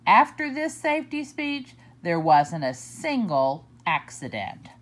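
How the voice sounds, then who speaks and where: Woman, storybook reader for kids, unhurried, big pitch swings, lowish voice. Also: a little hiss or hum. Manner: expressive, slow and deliberate, swooping pitch. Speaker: children's librarian reading aloud. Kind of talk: storybook read-aloud.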